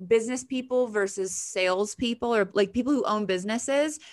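A woman's voice: fairly high pitch, fairly quick. Woman chatting casually from a bathroom. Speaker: podcast co-host. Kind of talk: casual podcast chat. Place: bathroom at home.

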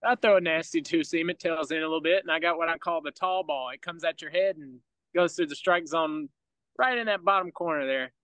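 A man's voice: on the high side, brisk, fairly bright tone, no room sound, low-quality recording. A young man from Georgia with a Southern country accent, chatting as a podcast guest and telling laid-back stories with frequent chuckles. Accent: Southern US, rural Georgia. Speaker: podcast guest, baseball player. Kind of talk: casual interview chat.

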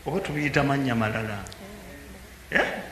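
A man preaching to a congregation, lively and teasing, pausing for his interpreter. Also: medium pitch. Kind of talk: sermon with live interpreter. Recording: echoey hall with faint background noise.

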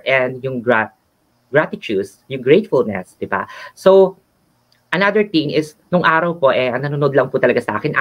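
A man co-hosting a casual show, chatting in a flamboyant, giggly way. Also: medium pitch. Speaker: co-host and nurse. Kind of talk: casual Taglish show chat. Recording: dull lo-fi sound.

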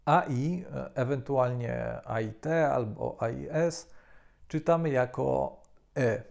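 Male tutor, slow and measured, dark gravelly voice, pauses often to think. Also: mid-range voice. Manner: unhurried, with frequent hesitation sounds. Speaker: language teacher. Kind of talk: explaining French pronunciation.

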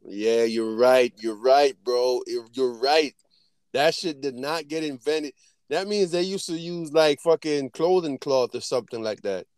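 A young man in casual chat on a podcast, animated and slangy, saying bro often. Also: medium pitch, unhurried, smooth, dry recording.

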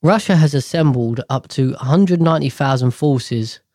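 A man casually reading news stories aloud, tripping over words and breaking off into irreverent, swearing tangents. His voice sits at a middling pitch. The recording is dry, with no room sound. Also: normal speed, a little mellow, no echo. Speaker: podcast host.

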